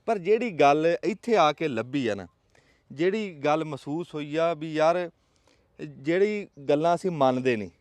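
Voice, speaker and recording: Man, Pakistani Punjabi accent, slightly high voice, emphatic folksy vlog host, rhetorical storytelling, very little echo. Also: animated, unhurried. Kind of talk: casual outdoor vlog talk.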